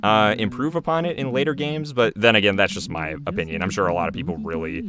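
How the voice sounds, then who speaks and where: A fairly low-voiced man, a creator and voice actor, offers casual, unscripted commentary on his own animation, speaking fast. He rambles hesitantly and downplays his work, while voices from the playing episode and crowd noise are clearly audible behind him.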